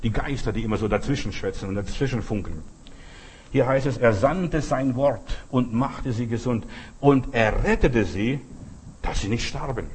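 Older man, pastor, animated sermon storytelling, talks to the listener directly, faint background noise. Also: mid-range voice.

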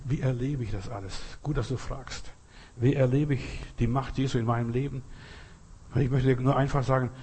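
Here a man of medium pitch, slightly mellow and husky, delivers a sermon. Speaking directly to his listener, he keeps asking "you understand?" and his voice jumps up for emphasis without warning.

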